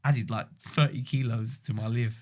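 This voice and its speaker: Male co-host, mid-pitched voice, lively storyteller, swears often, casual chat. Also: moderate pace. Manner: animated storyteller, swears freely. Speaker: podcast co-host.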